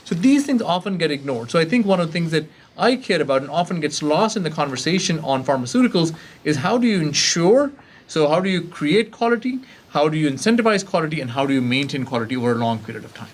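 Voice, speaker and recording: A man's voice: a little high, animated, fast. A man speaking as a panelist, explaining analytically and posing rhetorical questions as he goes.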